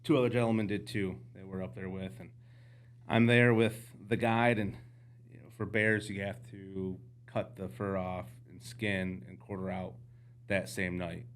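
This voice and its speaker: Low-voiced man telling hunting stories. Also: unhurried. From United States. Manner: animated storyteller, jumps into quoted voices. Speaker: podcast guest, outdoorsman. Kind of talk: casual storytelling chat.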